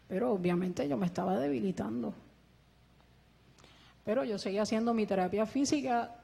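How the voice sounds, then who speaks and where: A woman with a Puerto Rican Spanish accent, speaking at medium pitch with vocal fry and a slightly mellow tone, gives an earnest testimony in a church hall. Breathing with a ventilator, she acts out the dialogue as she tells her story. The hall's long echo fills the recording.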